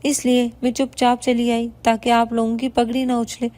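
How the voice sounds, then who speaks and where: A woman voices a wronged young wife in a storybook tale, restrained and dignified. The voice is high and held level. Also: little pitch movement, a little mellow, natural voice. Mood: respectful. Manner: bitter yet respectful, restrained.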